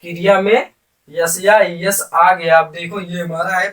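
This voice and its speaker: A man with a high, level, slightly bright voice teaches a grammar lesson in Hindi mixed with English terms, speaking unhurriedly like a classroom teacher. He repeats key phrases and puts questions to his students in a question-and-answer style. The microphone sits at a distance.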